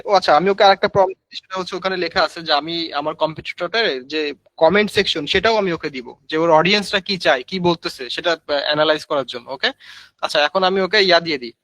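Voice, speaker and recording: A man's voice: fairly high pitch, sharp tone, no room sound, rough recording. A man teaching a live screen-share tutorial, chatty, calling viewers brother and using many fillers. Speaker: online course instructor.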